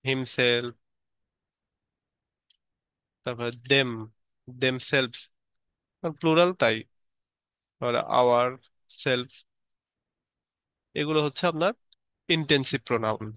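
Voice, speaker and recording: Man, grammar teacher, bright forceful voice, dry close sound. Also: medium pitch, clear, resonant tone, no room sound. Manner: explains step by step, repeating key terms. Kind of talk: online grammar lesson.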